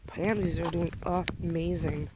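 A woman's voice: lowish voice, fairly even intonation, a little slow, background noise. A woman chatting casually to her camera as she shows off her garden and her lunch. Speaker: family vlogger. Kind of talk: casual vlog narration. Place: home and backyard garden, outdoors at times.

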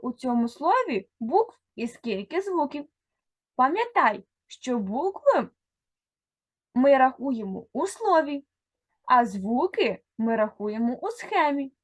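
A woman teacher leads a reading lesson for first graders, sounding words out one by one at an unhurried pace. Her voice sits fairly high and swings up and down a great deal as she addresses a single child and waits for replies. The sound is dry and close. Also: very animated, no echo. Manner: speaks directly to one child, pausing for answers. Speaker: primary school teacher.

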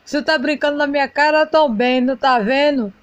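A woman's voice: high voice, brisk, no room sound, close to an everyday voice. A woman voicing an ill young man in a doll soap-opera parody, bitter and short-tempered, snapping orders. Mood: impatient.

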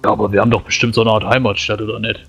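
A man's voice: fairly low pitch, flat delivery, very fast, fairly bright tone, slightly rough. A man playing a tabletop role-playing game, chatting casually as a player.

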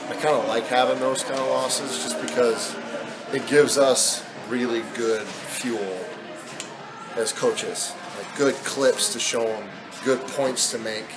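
A man's voice: medium pitch, fairly even intonation, slow, crowd noise, rough recording. A man in his thirties, a basketball head coach, talking candidly with many fillers in a postgame press interview. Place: indoor press backdrop at an arena.

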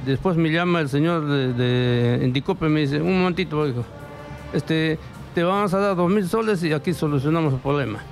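This is a middle-aged man from Peru with a rough, gravelly voice that sits slightly high. He speaks into a studio microphone with headphones on, halting and circling back, and acts out the words of lawyers and officials. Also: soft background music. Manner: halting, repeats himself, acts out dialogue. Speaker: interviewee reporting bank fraud. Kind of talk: emotional testimony in a radio studio. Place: radio studio. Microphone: studio mic with headphones.

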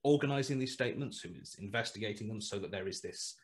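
Talking fast in a lowish voice, a man in his thirties appears as a guest writer on a relaxed video call interview. He wears a headset in a small room at home and thinks aloud, stumbling through fillers, restarts and pauses.

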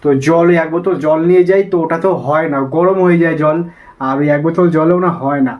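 A man's voice: on the high side, quick pace, dull audio. A young man from Bengal chatting casually to his viewers in a daily vlog. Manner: chatty, addresses viewers directly. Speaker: vlogger.

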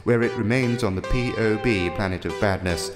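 A man's voice: fairly low pitch, normal speed, lightly acted. A man playing an automated information point in an audio drama, reciting formally like a recorded announcer. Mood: formal, informative. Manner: formal, declaiming. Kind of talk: scripted narration in audio drama. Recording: long reverb, loud guitar music behind.

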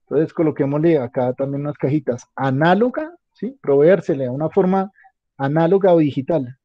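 Halting man lecturing, dull lo-fi sound. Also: fairly high pitch, no room sound. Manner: halting, restarts often, tags lines with "¿sí?". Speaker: teacher. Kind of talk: classroom lecture. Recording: dull, muffled lo-fi audio.

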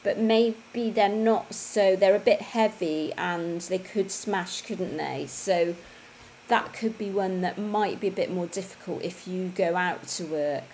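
Speaking a little slowly in a fairly low, darkish voice, she chats with viewers on a casual fitness livestream from indoors at home. Her talk is conversational, full of tag questions as she reads comments aloud, with slight background noise.

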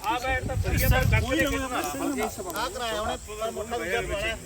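High-voiced young man teasing his mates. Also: moderate pace, a loud crowd. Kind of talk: casual banter among friends.

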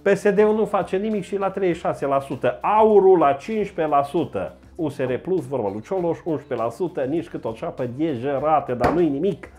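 A man doing a mocking satirical comedy monologue, jumping into high mock voices. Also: expressive, hardly any pauses, darkish tone, soft background music.

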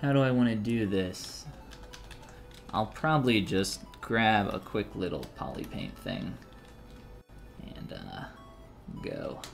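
A man's voice: on the low side, wildly swooping pitch, slow, vocal fry, long pauses, soft background music. A man in his thirties, talking casually and joking while he teaches 3D sculpting on a live stream, reading chat messages aloud between steps.

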